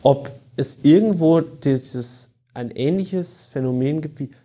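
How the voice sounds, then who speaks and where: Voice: medium pitch, slow, warm tone. A podcast host in a casual chat, talking hesitantly with fillers and restarted sentences. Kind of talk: casual conversation. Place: recorded in Stockholm.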